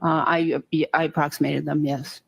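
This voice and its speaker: Female doctor as courtroom expert witness. Slightly low voice, cautious, halting, qualifies her answers. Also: level tone, gravelly, breathy edge. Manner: careful, qualifying, halting with repeated word starts. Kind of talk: courtroom testimony.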